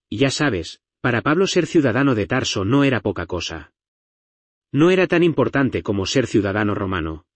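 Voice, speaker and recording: An American Bible teacher lectures in a husky voice whose pitch rises and falls in a lively way. His delivery is conversational and explanatory, packed with asides. The recording is dry and close, with no room echo.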